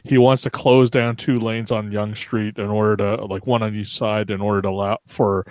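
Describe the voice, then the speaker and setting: A man's voice: fairly low pitch, level tone, moderate pace, darkish tone, no echo. A man co-hosting a casual podcast chat, joking and playfully indignant. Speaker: podcast co-host.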